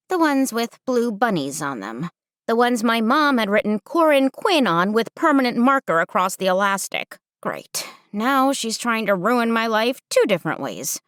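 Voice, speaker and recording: A woman narrating a first-person audiobook with wry, expressive storytelling. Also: mid-range voice, moderate pace, no room sound, clean studio sound.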